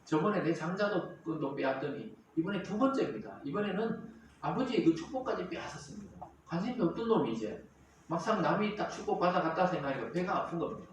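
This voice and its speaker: Animated preaching pastor in an echoey hall. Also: male voice, sits high, quick pace, a little hiss or hum. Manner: animated preaching with call-and-response. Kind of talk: sermon. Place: church sanctuary. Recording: roomy church hall, mic at a distance.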